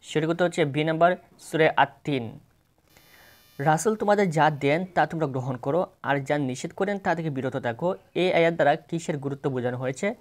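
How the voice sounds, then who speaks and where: A man with a Bangladeshi Bengali accent, working as an exam tutor, reads multiple-choice questions and answers aloud in a plain, steady way, correcting himself now and then. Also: on the high side, brisk.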